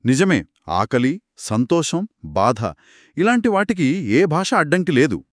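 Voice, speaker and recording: A man narrating a children's folk tale as a back-and-forth conversation, telling it with expressive, dramatic delivery. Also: on the high side, takes it slowly, no echo, clean studio sound. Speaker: storyteller. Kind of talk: children's story told as a two-voice conversation.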